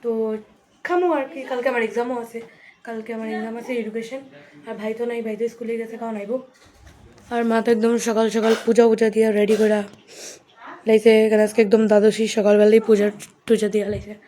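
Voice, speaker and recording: Young woman vlogger, quick, flat-toned chatter, phone mic at home. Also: fairly high pitch, slight background noise. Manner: chatty, often speaks softly. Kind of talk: casual home vlog. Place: at home, indoors.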